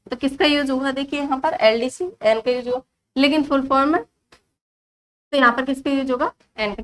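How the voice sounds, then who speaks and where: In a low-quality recording, a woman with an Indian accent and a high voice runs an online grammar lesson. She poses questions to students, supplies the answers herself, and repeats key words slowly as a drill.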